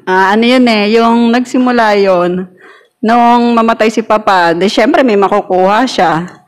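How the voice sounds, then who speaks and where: A woman's voice: medium pitch, unhurried. A middle-aged woman sharing a personal testimony in a church group, chatty and laughing often as she acts out quoted arguments.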